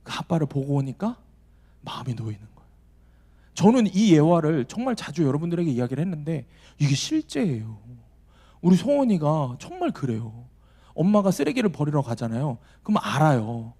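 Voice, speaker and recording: Male pastor, 30s, sermon storyteller: lively delivery, mellow and slightly high voice. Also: normal speed, breathy edge. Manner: storytelling, acting out the voices in his anecdotes. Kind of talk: sermon to a young adults' service.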